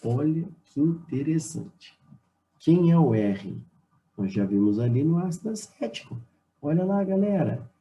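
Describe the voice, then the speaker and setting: Male chemistry teacher, Brazilian Portuguese accent, very dark and mellow tone, explanatory and repetitive with formulas. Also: fairly high pitch, big pitch swings, poor audio. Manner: explanatory, addresses students directly, repeats formulas slowly. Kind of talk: exam solution lesson.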